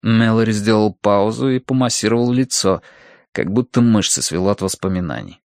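Lively male audiobook narrator. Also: lowish voice, moderate pace, creaky, no echo, studio quality. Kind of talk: expressive audiobook reading.

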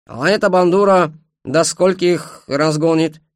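Male narrator doing a touchy grumbler of an engineer, slightly high, dry. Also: expressive, moderate pace, dry recording, natural voice. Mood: grumbling. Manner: indignant, grumbling. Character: grumpy hot-tempered male engineer turned trader.

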